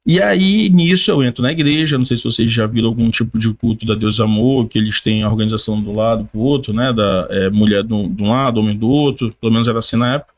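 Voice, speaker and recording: Young guy w telling his testimony on a podcast, lively, keeps saying cara and laughing. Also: fairly low pitch, fast, few pauses. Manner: animated storyteller, calls listener "cara", laughs often. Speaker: podcast guest. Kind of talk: personal testimony storytelling.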